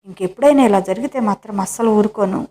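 A woman's voice: medium pitch, quick pace, close to an everyday voice. A woman playing a scolding middle-aged wife. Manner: sharp, raised scolding.

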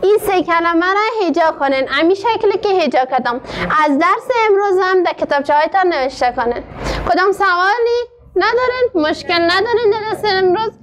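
Very high-voiced Dari-accented woman teacher. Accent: Afghan Dari. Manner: slow syllable-by-syllable sounding out, questioning. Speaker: literacy teacher. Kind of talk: classroom lesson. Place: classroom.

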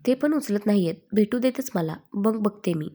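A woman's voice: medium pitch, expressive, moderate pace, mellow, lightly acted. A woman reading a story aloud, voicing a scolding, teasing young elder sister.

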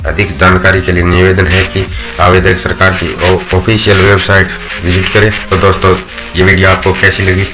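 A man's voice: sits low, normal speed. A man narrating a scripted voice-over explainer, reading steadily with small slips. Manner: steady read-aloud delivery with small slips. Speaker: channel narrator. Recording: voice-over with loud background music.

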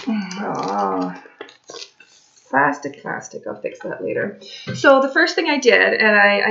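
In her dining room beside a china cabinet, a craft and tarot vlogger in her forties rambles chattily about her craft journal pages with plenty of fillers. Her voice is medium-pitched, fairly bright and slightly raspy. She's recorded on a desk webcam with slightly dull lo-fi audio.

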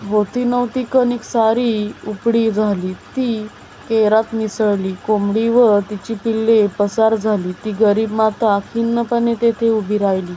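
Woman storyteller, measured scripted narration, unhurried, level delivery. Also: medium pitch, fairly even intonation, warm tone, slight background noise, rough recording.

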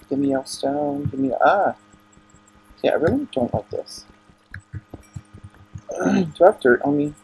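A man's voice: mid-range voice, vocal fry, a little mellow, husky. A young man giving casual commentary as he plays a video game at home, talking to himself and getting easily annoyed. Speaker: gaming channel host. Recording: lo-fi home recording.

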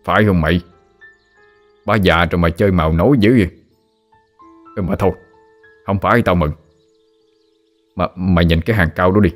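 A man's voice: sits low, moderate pace, pauses often, soft background music, natural voice. A man doing a grumbling old country father. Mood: teasing. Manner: teasing, grumbling banter. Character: grumbling father nearly sixty, joking.

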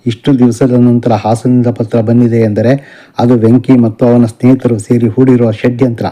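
A man voicing a hot-tempered, defiant young college son in an audio novel, defensive and shouting back. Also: mid-range voice, flat delivery, moderate pace, close to an everyday voice.

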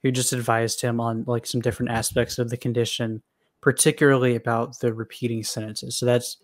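Flat-voiced man reading film trivia. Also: medium pitch, a little fast. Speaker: podcast co-host. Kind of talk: casual film review chat, reading trivia.

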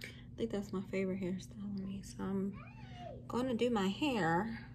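Chatty young mom vlogging. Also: female voice, mid-range voice, moderate pace, noisy background. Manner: chatty, unsure asides, addresses viewers as y'all. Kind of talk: casual vlog chat. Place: houses on tour and her home, indoors. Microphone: phone camera held at arm's length.

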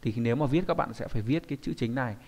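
A man at a medium pitch teaches an online kanji lesson. He explains each word patiently and keeps pausing to ask his listeners whether they follow. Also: darkish tone. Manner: explanatory, with frequent checking tags. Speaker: Japanese teacher.

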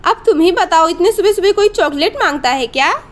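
A woman plays a strict, short-tempered village mother in a doll storybook video. She scolds and defends herself in a very high voice. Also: animated, a little fast. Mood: scolding.

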